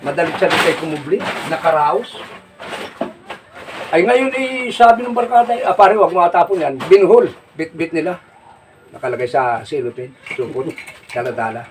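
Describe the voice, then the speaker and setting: A man telling jokes in a folksy, rambling way, laughing at his own punchlines and shouting them out. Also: on the high side, normal speed. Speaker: comedy joke teller. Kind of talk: casual joke telling. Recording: distant mic with faint noise.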